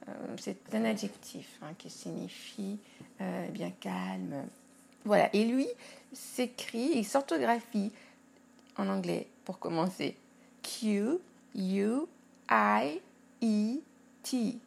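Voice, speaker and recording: A woman hosting a podcast English lesson, explaining words slowly and carefully and spelling them out letter by letter. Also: medium pitch, creaky, darkish tone, husky. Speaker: English teacher and podcast host.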